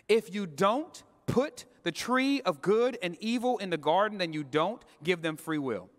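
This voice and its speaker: A male pastor with a high, fairly bright voice preaches live in a church sanctuary, addressing his congregation directly in a casual, slangy way. The church hall gives a long reverb.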